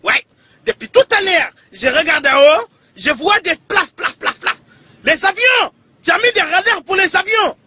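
A man playing a loud, indignant character who shouts complaints and insults at the president in a comedy sketch. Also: on the high side, moderate pace, breathy edge, voice pushed up. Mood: ranting.

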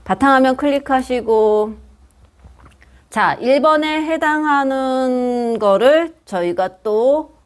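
A woman's voice: high voice, takes it slowly. A woman teaching a computer class, patiently guiding students through a program step by step. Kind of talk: step-by-step software lesson. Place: senior welfare center classroom.

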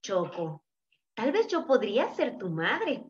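A woman voicing a kind, motherly female bear who speaks gently. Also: on the high side, huge pitch swings, slow pace, lo-fi sound, heavily acted. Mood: gentle.

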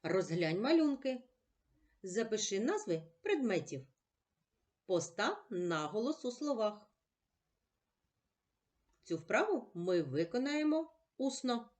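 Woman teacher for a children's reading lesson, slow and lilting, each word spelled out clearly. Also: a little high, big pitch swings, a little mellow.

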